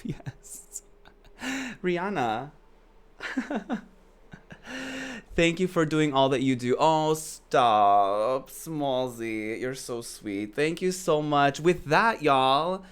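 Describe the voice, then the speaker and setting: Streaming a game through a voice changer, a man chats casually with his viewers in a chatty, campy, playful way. His voice is a little high, expressive and fairly bright, clear and resonant, and he speaks extremely slowly.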